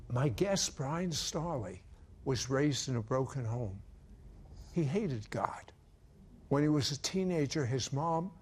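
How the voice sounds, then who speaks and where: Slow, emphatic male TV host. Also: on the high side. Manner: slow and emphatic, stretching key words. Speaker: TV show host.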